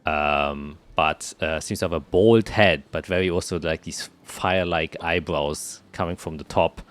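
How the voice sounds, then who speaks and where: Deep, slow-talking game master. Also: male voice. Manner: hesitant, filler-heavy describing. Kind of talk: narrating a tabletop game.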